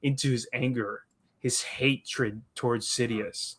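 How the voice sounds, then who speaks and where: A man co-hosting a podcast chats casually through a recap, rambling, restarting, and acting out quotes. He has a mid-range, slightly bright voice with a steady tone and takes it slowly.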